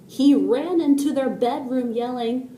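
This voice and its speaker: A woman reads a children's story aloud at a very slow, deliberate pace and voices the sound effects herself. Her voice is high. The recording is echoey, with a faint hiss behind it. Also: dark tone, far from the mic. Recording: echoey room with faint noise.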